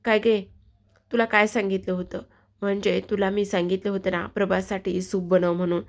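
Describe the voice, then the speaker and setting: Woman as bossy conniving aunt, scolding, gravelly. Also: mid-range voice, level tone, moderate pace, lightly acted. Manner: scolding, wailing, theatrical. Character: scheming older aunt, bossy and deceitful.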